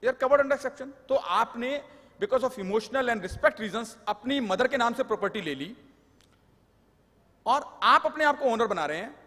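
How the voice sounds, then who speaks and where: Male lecturer, high voice, wry and explanatory, live hall with long reverb. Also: animated, slow, sharp tone. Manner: joking, explanatory, mixes English terms. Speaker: tax law speaker.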